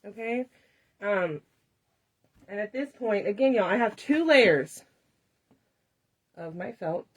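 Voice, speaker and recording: A woman's voice: medium pitch, lively intonation, slow, pauses often, breathy edge. A woman hosting a live craft demonstration, chatting to viewers and laughing often as she works. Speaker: craft tutorial host.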